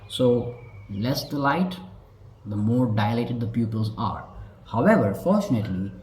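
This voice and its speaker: A man's voice: medium pitch, animated, measured pace, darkish tone. A man gives a casual talk about body language, rambling a little and acting out examples as he goes. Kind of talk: explanatory talk to camera. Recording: echoey room with faint ambience.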